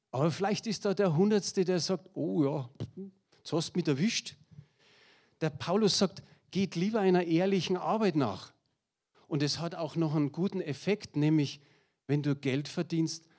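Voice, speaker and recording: A middle-aged man delivers a sermon in a church hall, his voice sitting a little higher than most men's. He talks straight to the congregation, lively and personal, dropping in small jokes at his own expense. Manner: lively, addresses the congregation directly, with a slide presentation; personal anecdotes with self-deprecating humor. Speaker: preacher.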